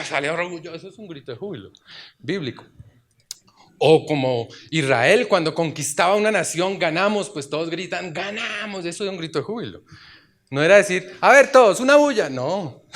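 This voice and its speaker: A man preaching a sermon in church, chatting with the congregation, asking rhetorical questions and breaking into loud exclamations. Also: fairly high pitch.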